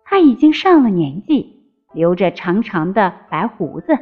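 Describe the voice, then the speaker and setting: A woman narrating a fairy tale in an expressive storytelling manner. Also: medium pitch, a little slow, breathy edge. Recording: slightly dull with faint music.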